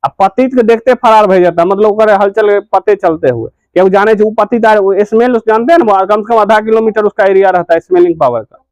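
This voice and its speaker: A man's voice: high voice, fairly quick, few pauses, darkish tone, no room sound, dull audio. A man teaching a grammar class, repeating each question and answering it himself.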